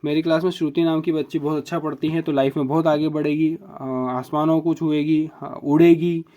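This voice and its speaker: Male biology teacher, upper pitch, slow emphatic repetition of key terms. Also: steady tone, dark tone, dull audio. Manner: repeats key words slowly, drawn-out emphasis. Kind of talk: explaining mnemonic tricks.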